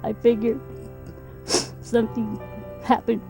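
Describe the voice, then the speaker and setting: A woman's voice: fairly high pitch, little pitch movement, slow, gravelly, over music. A woman, a mother being interviewed, speaking earnestly and pleadingly, often repeating herself. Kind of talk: emotional interview testimony.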